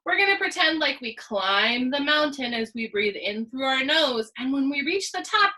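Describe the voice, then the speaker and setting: A woman teaches a children's stretching class in the manner of a kids show host. Her voice is high and bright, with big lively swings in pitch. She gives simple, encouraging directions and sing-song counts, inviting the viewer to answer. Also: rough recording. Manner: addresses the viewer directly with call-and-response. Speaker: elementary PE teacher. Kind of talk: guided stretching lesson for young children.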